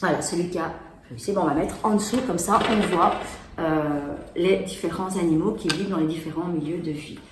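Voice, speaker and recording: A woman with a fairly quick, lowish voice casually presents children's board games, chatting and explaining as she plays them. It's a relaxed product demo recorded in an echoey room with faint background noise.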